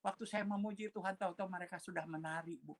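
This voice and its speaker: A man's voice: sits high, fairly even intonation, fast. A man who is a pastor, giving an emotional personal testimony, telling his story animatedly, acting out the voices of others, and dropping in English phrases.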